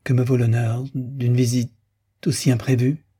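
Male reader doing a sorrowful, restrained wife; soft, plaintive, dark-toned. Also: mid-range voice, little pitch movement, normal speed, slightly rough. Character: grieving, yearning bourgeois wife in her thirties. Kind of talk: audiobook character reading.

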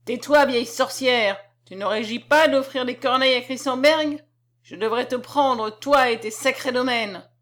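A huge, drunken old captain, as a woman reader puts him on, roaring his scorn and then pleading. The voice sits higher than a man's, pushed up loud and blustering. It is a storybook reading. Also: moderate pace. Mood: threatening.

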